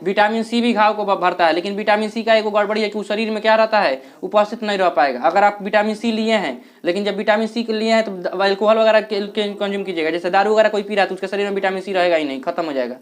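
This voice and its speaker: A man's voice: sits high, quick pace, few pauses. A male teacher giving a classroom lecture, asking questions and answering them himself, with regional dialect words in his Hindi.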